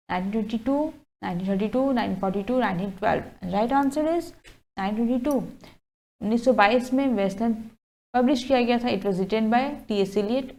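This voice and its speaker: A woman's voice: on the high side, warm tone. A woman with an Indian accent teaching an exam-prep literature class, mixing Hindi and English and often checking in with her students. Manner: explains slowly, keeps checking in with "ठीक है?". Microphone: lapel mic.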